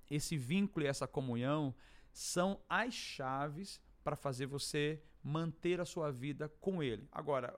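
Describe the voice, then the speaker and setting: High-voiced Brazilian man telling a dramatic story. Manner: dramatic, acts out dialogue, swings from hushed to shouting. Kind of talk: animated testimony storytelling.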